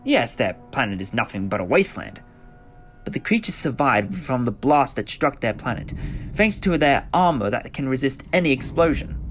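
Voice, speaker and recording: A man's voice: medium pitch, big pitch swings, normal speed, slight background noise, natural voice. A man playing a heroic, commanding time traveller in a fan sci-fi audio drama, with a theatrical delivery. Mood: earnest, explaining. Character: heroic, indignant time-travelling alien adventurer, male. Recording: music behind the voice.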